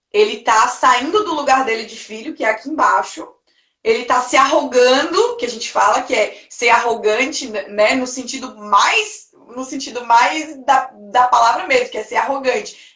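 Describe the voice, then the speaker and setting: A woman family therapist talks through family problems at length. Her voice sits high, and the room around her is roomy and echoey. She slips into little quoted voices of parents and children as she explains. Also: fairly bright tone. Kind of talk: casual live-stream talk.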